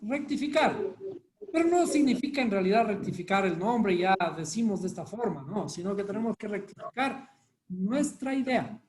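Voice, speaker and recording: A man's voice: high voice, very animated, moderate pace, darkish tone. A man teaching a live Bible study class, constantly quizzing his listeners with rhetorical questions. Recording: echoey room with faint noise.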